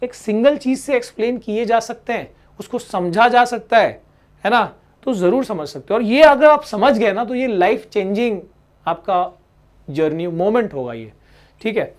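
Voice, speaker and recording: A man's voice: sits high, expressive, moderate pace. A man who teaches, giving a motivational talk to students in a conversational way. He often adds tag questions and acts out the students' worries.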